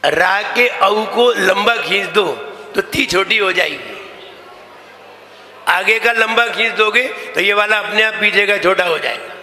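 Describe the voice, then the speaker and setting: A man, a Jain monk, gives a sermon, chanting verses slowly and repeating phrases to drill correct pronunciation. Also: high-pitched, bright, forceful tone. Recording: reverberant hall.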